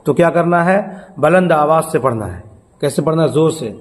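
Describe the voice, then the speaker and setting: A man's voice: fairly high pitch, animated. A man teaching children to pronounce letters for Quran reading, patient and repetitive, often quizzing them with short questions.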